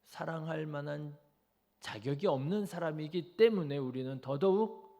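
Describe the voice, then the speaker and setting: Male pastor, early-morning sermon, mellow tone, slightly high, rhetorical questions to the congregation. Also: normal speed. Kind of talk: dawn service sermon. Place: church sanctuary.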